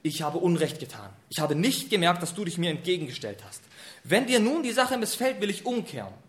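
A preacher reading the lines of an angry male seer who shouts at his donkey. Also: high-pitched, sing-song, brisk. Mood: contrite. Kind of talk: reading scripture aloud.

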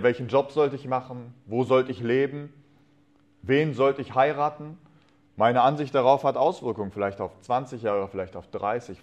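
A man giving a sermon to a congregation. He reads a story aloud expressively and talks earnestly, often trailing off softly at the ends of phrases. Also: lowish voice. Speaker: preacher.

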